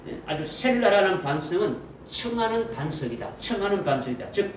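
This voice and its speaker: In a church sanctuary, a male pastor preaches a sermon, frequently questioning the congregation and repeating key phrases. His voice sits high, very animated and brisk, picked up by a distant mic with roomy echo and faint noise.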